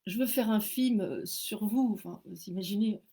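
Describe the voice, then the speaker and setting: A French woman telling a personal story in a casual, animated way, often stammering and poking fun at herself. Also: mid-range voice, moderate pace, a little hiss or hum. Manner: animated, stammering, self-mocking. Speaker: author telling her story.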